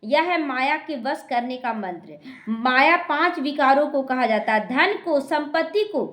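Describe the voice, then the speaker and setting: Speaking at a measured pace, a woman with a high, expressive and fairly bright voice explains scripture to a class. As a spiritual teacher, she repeats her points and addresses listeners directly. The meditation hall sounds echoey.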